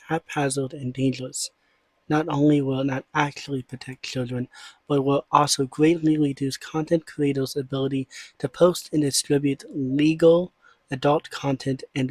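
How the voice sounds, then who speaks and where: A man delivering scripted commentary in a measured, formal way, as an online content creator. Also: mid-range voice, a little mellow, no room sound, poor audio. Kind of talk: scripted commentary, reading and responding to statements.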